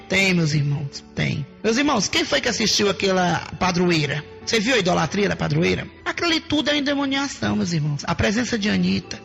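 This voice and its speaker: A woman's voice: mid-range voice, creaky, fairly bright tone. A woman preaching her personal testimony in an emphatic way, often calling out to her listeners as brothers and sisters.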